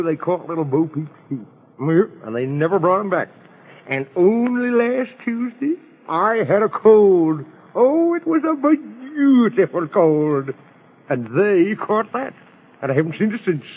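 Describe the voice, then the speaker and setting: Fussy, whimsical old moon man, muddled and stammering, animated and rough-voiced, for vintage children's radio with tinny sound. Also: sits high, exaggerated voice. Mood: chatty, muddled. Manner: stammering, repetitive, muddled, comically scolding. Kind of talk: old-time children's radio fantasy acting.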